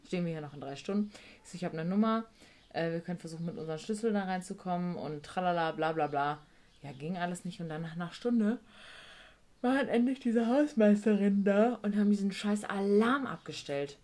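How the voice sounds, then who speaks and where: A woman's voice: on the low side, fairly quick, dark tone. A woman telling a story from her work as a care worker in a casual chat. She is blunt, swears, and acts out the dialogue. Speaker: guest recounting a work trip; care worker with a residential group.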